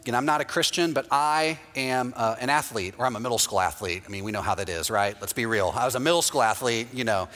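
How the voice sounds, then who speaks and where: A Texan pastor delivers a sermon built around a story, quoting voices and repeatedly asking the congregation "right?". His medium-pitched, fairly bright voice runs quickly with hardly any pauses, and a long hall reverb surrounds it.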